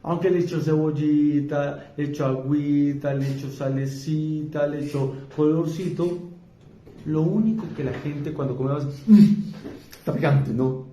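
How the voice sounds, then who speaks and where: Colombian pastor preaching in an echoey church. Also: male voice, on the high side, fairly even intonation. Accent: Colombian Spanish. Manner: swings between fast emphatic repetition and slow quiet asides; asks the congregation questions. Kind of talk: evangelical sermon.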